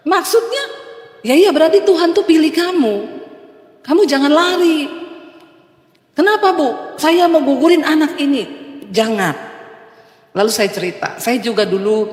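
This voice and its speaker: Lady pastor preaching, storytelling style, acts out the back and forth, long church hall echo. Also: mid-range voice. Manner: storytelling, acts out dialogue, addresses listeners as "Saudara". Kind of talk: sermon with personal testimony. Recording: echoey hall with long reverb.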